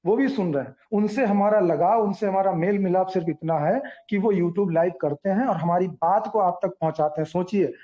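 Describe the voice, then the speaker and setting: A man with a high voice and a dark, mellow tone addresses a meeting, explaining points with earnest, repeated reassurance. The recording sounds dull and lo-fi. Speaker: speaker addressing a community meeting.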